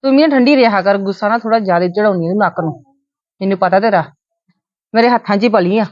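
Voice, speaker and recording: A woman playing a sharp-tongued aunt in a Punjabi family comedy skit, shrill when quarrelling and soft when coaxing her niece. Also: fast talker, dry recording, muffled recording, lightly acted. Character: bickering older aunt, sharp-tongued yet soothing. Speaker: aunt (bhua).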